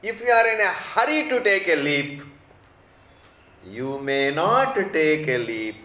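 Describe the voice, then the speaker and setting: Slow-speaking Indian man teaching, echoey room. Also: fairly high pitch, sing-song, pushed and bright. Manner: emphatic repetition, rhetorical questions, didactic. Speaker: spiritual teacher giving scripture discourse. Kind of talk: religious discourse. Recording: echoey room, slightly dull sound.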